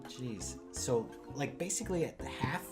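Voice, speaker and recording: A man co-hosting a casual comedy podcast, telling rambling deadpan tall tales with many fillers. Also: mid-range voice, normal speed, music in the background. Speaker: podcast co-host.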